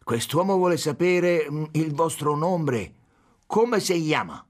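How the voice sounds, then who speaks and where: A man's voice: fairly high pitch, animated, slow pace, voice pushed up. A man voicing a drunk, mocking policeman who taunts and mixes Spanish into his speech. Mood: jeering. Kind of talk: audiobook character voice.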